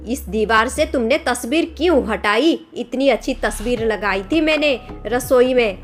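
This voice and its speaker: A sharp-tongued older mother-in-law nags and scolds in a cartoon story, voiced by a woman. The voice sits fairly high for a woman. Soft background music plays underneath. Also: a little slow, lightly acted. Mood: scolding.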